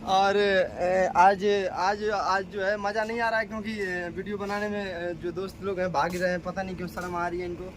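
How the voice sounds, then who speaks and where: Male vlogger, Bhojpuri accent, high-pitched voice, chatty and repetitive, casual talk over noisy street ambience. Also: level tone, moderate pace, hardly any pauses. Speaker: vlogger and shopkeeper. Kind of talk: casual vlog chat to camera. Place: at a shop in a market.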